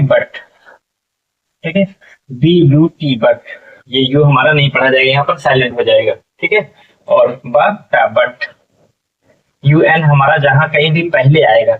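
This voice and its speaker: A husky man teaching an English phonics lesson, breaking words into letters and sounds and asking what each word becomes. He sounds a little distant from the mic. The recording is dull and lo-fi. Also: medium pitch. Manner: spells words slowly, repeating and asking "what will it be?".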